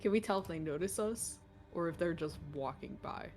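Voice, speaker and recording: A woman's voice: lowish voice, lively intonation, normal speed, darkish tone, faint music behind. Playful woman player in a tabletop game. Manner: playful, laughing banter. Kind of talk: casual tabletop game play.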